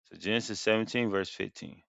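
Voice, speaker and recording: A man's voice: on the low side, fairly even intonation, a little fast, gravelly, a bit bright, no room sound. A man teaching a Bible lesson, reading verses and then paraphrasing them in everyday slang. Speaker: street preacher teaching scripture. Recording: dry, dull lo-fi sound.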